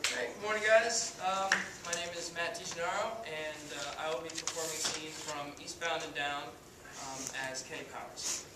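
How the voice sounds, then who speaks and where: A man's voice: on the high side, normal speed, hardly any pauses. Young guy doing audition intro, far from the mic, big echo. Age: young adult. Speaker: auditioning student actor. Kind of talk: self-introduction before an audition piece. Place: indoor hall, stage area, far camera. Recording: distant, very echoey room, faint noise.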